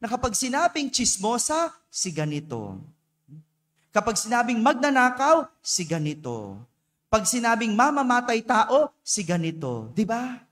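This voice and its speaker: A Filipino priest giving a Mass homily with playful, teasing rhetorical questions. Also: male voice, very high voice, huge pitch swings, a little slow, fairly bright tone. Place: church. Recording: long church reverb.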